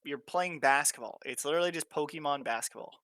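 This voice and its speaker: A man's voice: a little high, fast talker, fairly bright tone, no room sound. A man co-hosting a casual gaming podcast, ranting in exasperation and swearing heavily. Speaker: podcast co-host.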